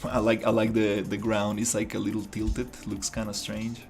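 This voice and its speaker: This is an indie game developer from Costa Rica streaming his work, chatting casually and wandering, often restarting mid-thought. He speaks at a moderate pace with a lowish, slightly mellow voice and flat delivery, over soft background music.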